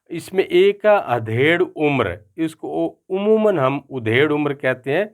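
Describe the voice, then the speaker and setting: An older man with a Pakistani Urdu accent giving a spoken pronunciation lesson, slowing down to say each word carefully. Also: fairly high pitch, expressive.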